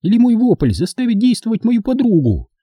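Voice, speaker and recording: A man's voice: high voice, wildly swooping pitch, brisk, mellow, breathy edge, no echo, clean studio sound, voice pushed up, exaggerated voice. A man voicing a prim, prickly young woman secretary who speaks sharply and indignantly in an audiobook reading. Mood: teasing warning.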